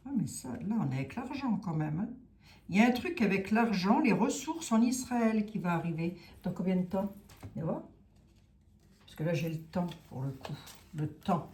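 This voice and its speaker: A woman's voice: mid-range voice, sing-song, moderate pace, a little mellow, reverberant. Musing woman with a Lorraine accent. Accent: Lorraine French. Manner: musing, thinking aloud with many fillers. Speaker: tarot reader. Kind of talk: casual tarot reading livestream.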